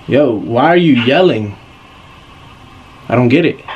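Speaking at a measured pace with lively intonation, a twentysomething man pranks people over the phone from his bedroom for YouTube, slangy, relaxed and mock-earnest. His mid-range voice sounds darkish with the highs cut off, captured by a camera mic at arm's length with slight background noise.

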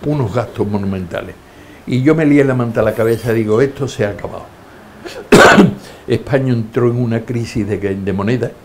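Older guy telling stories, does the voices, bit of faint background hum. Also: mid-range voice. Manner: lively anecdotes, acting out quoted voices. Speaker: interviewee. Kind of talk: storytelling interview.

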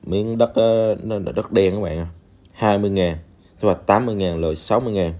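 Over his screen recording, a mellow, low-voiced man reviews a game in a casual walkthrough. He chats away, speaks straight to the audience, and leans on plenty of filler words.

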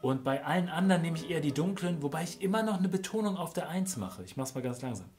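A man's voice: fairly high pitch, lively intonation, fast. A man teaching guitar strumming in a casual way, counting the beats aloud and stressing the accented counts. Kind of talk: casual instructional talk with counting. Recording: guitar playing under the voice. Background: acoustic guitar playing.

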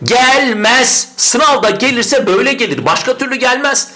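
A male grammar teacher giving a lively, emphatic exam-prep lesson, sometimes asking his students' questions aloud and answering them. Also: high voice, a little fast.

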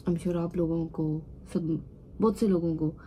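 This travel vlogger, a woman in her thirties from Pakistan, talks casually to camera with English words mixed in, inside a hotel apartment room. Her pitch is fairly low and her tone dark and steady, and she speaks a little slowly. The distant phone recording carries a little hiss or hum.

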